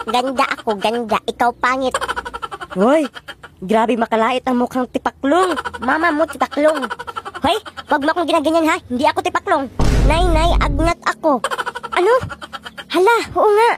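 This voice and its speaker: High-voiced woman doing comic skits. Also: background noise. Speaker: comedy sketch creator. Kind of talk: comic skit playing mother and child.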